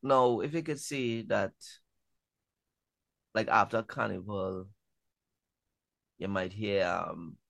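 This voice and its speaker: A man with a low, gravelly voice answers interview questions about music in an easygoing, loose way. He often circles back and repeats his words while he works out what to say. The sound is dry and close. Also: slow pace, pauses often, a bit bright, no echo. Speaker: music artist guest. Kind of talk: casual interview talk.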